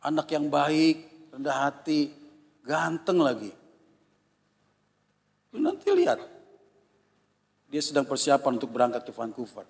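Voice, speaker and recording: A man in his fifties preaching from the pulpit, his slightly high voice carrying through a church hall with a long ringing reverb. He tells family stories with animated impressions of his children and flock. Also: a little slow, creaky, pauses often. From Indonesia. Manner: animated storytelling, mimics his children and congregation. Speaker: pastor. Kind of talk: sermon with personal testimony.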